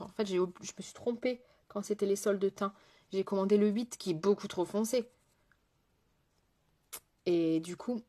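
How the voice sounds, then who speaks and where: A woman's voice: medium pitch, mellow. A woman makeup artist chatting casually through a live makeup tutorial, answering viewers' comments as she works, with lots of fillers and sentences that trail off.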